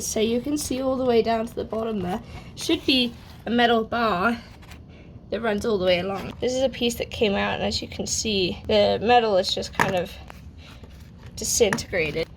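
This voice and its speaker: A woman's voice: a little high, moderate pace, a little hiss or hum. A woman chatting casually on camera while she does hands-on work converting a bus, upbeat and talkative. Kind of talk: casual vlog narration.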